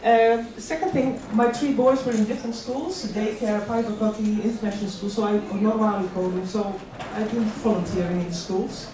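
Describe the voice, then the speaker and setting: Speaking a little fast with few pauses, a middle-aged Dutch woman with a medium-pitched voice addresses a career event as its invited speaker. Her motivational talk is personal and conversational, with key words repeated for emphasis. The setting is a large room at an employment event, heard through a distant mic in an echoey hall with audience noise.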